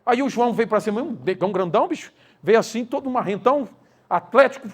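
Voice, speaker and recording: Male pastor, rapid sermon delivery with slang and animated storytelling. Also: very high voice. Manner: slangy and animated, acts out voices of others.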